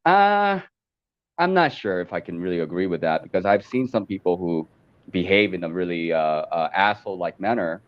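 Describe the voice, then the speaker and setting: A man born in Korea and raised in America, chatting over a call and talking haltingly with many fillers and restarts. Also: low voice, animated, lo-fi sound. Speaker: podcast guest. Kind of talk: casual chat over a call. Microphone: video call.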